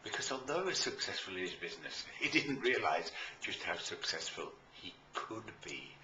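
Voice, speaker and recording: A British life and business coach promotes his own services in an informal, enthusiastic, emphatic talk punctuated by deliberate pauses. His deep voice sounds pushed and bright, and the roomy space adds echo along with faint background noise.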